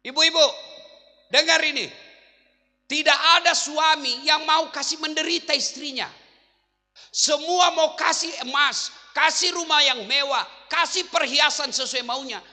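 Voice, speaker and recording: High-voiced, animated male preacher. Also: measured pace. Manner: animated storytelling, jokes, bursts of shouting. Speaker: Islamic preacher. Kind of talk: humorous sermon. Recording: reverberant hall.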